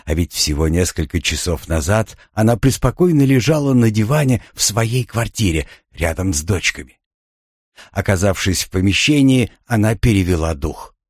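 Low-voiced man reading a thriller. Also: no room sound, clean studio sound. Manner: measured, even storytelling delivery. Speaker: narrator. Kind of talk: audiobook thriller narration.

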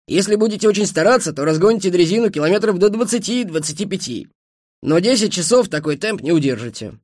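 A man's voice: high-pitched, animated, quick pace, darkish tone, no echo, studio quality, voice pushed up. A man voicing a wry old machinist. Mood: matter-of-fact.

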